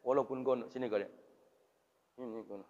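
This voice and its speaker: A man preaching a lively mosque sermon, swinging between loud and soft and acting out voices. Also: medium pitch, brisk, a little hiss or hum. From Indonesia. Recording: reverberant hall through dull PA sound.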